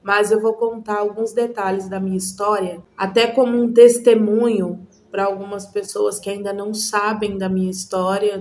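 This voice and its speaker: Earnest woman giving a personal testimony. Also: medium pitch. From Goiânia, Brazil. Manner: earnest, measured, with frequent pauses.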